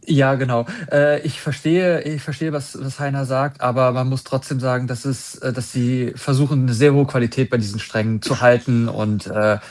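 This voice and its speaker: Casting: male panel critic, medium pitch, conciliatory, hesitant, conversational. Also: fairly even intonation, moderate pace, hardly any pauses, darkish tone. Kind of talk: casual discussion.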